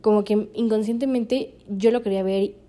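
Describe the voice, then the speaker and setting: A woman's voice: medium pitch, fairly even intonation, normal speed, warm tone. A young Mexican woman, a podcast host, telling a personal story in casual chat, laughing often between fillers.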